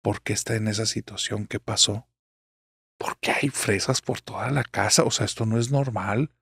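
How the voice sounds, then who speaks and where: A man's voice: lowish voice, normal speed, creaky, fairly bright tone, husky, no room sound, clean studio sound. A man narrating a horror story in a chatty way, speaking straight to the listener. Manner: chatty, addresses the listener directly.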